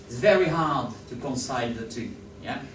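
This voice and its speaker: With a medium pitch and a slightly quick delivery, a French-accented man gives an animated conference talk, often asking the crowd if they follow and looking for their agreement. He's captured from a distance in a large, echoey hall amid background noise.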